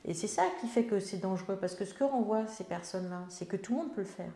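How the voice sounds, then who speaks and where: A woman's voice: medium pitch, quick pace, mellow, roomy sound. A woman, an elected member of parliament, answering interview questions in a hesitant way with many fillers and restarts.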